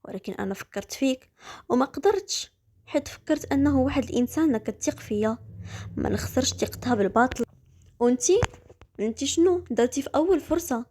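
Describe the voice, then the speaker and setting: A woman's voice: animated, a little fast, darkish tone. A woman with a Moroccan accent voicing a furious, jealous young husband, angry and accusing. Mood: bitter. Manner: angry, accusing, lower-pitched.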